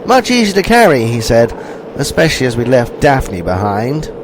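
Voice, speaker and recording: A man's voice: very animated, moderate pace, natural voice. A man playing a cheery, upper-crust explorer stranded in the desert for a comic radio sketch, full of breezy understatement. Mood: jolly. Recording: noisy ambience with vehicle rumble.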